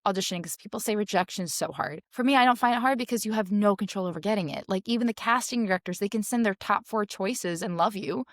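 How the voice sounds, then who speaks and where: A young adult woman actor talking in a casual interview, animated and full of fillers. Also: on the high side, dry recording, clean studio sound. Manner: fast, animated, lots of fillers. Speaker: guest, actor.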